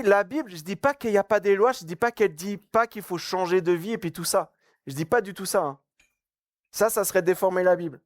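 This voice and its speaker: Recorded at studio quality with no echo, a young man with a high voice delivers a relaxed sermon to a youth camp. As the camp speaker, he jokes around, chats, and laughs a lot.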